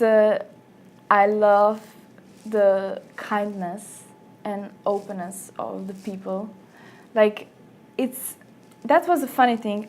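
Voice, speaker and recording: A young Slovenian woman, a guest speaking English as a second language, chats casually in an interview recorded in a small office room. She's a lively storyteller, acting out little quoted exchanges with energy and switching to a higher voice for the quotes.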